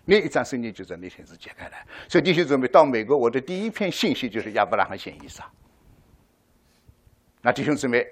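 Older male preacher giving a testimony sermon, lively and fast, acts out the people in his story. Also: medium pitch. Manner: animated storytelling, acting out voices; frequent rhetorical "right?" to the audience.

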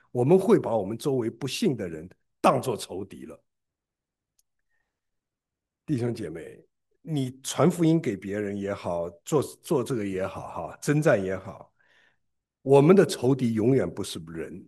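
A man from preaching a sermon, telling a story in an animated way and often repeating and restarting words. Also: moderate pace, breathy edge. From Shanghai, China. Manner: animated storytelling with big pitch swings and frequent repeated restarts.

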